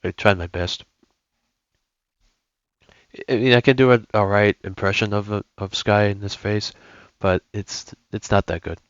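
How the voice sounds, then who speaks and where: A man's voice: fairly low pitch, steady tone, measured pace, long pauses, dry recording, dull audio. A young man giving casual, rambling gameplay commentary, often correcting himself as he goes. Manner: rambling, self-correcting, enthusiastic. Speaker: gaming YouTuber.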